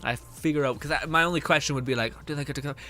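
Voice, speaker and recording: A man's voice: fairly high pitch, rapid-fire, bright, forceful tone. A man chatting casually on a game stream, rambling and slangy as he reads chat. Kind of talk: casual live-stream chat over gameplay.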